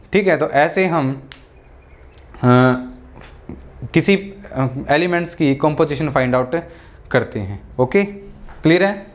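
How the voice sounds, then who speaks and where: This is a lo-fi recording of a math lecture by a man whose voice is on the high side, speaking Hindi blended with English. He walks through examples one step at a time, often repeating "ठीक है" ("theek hai") and "okay."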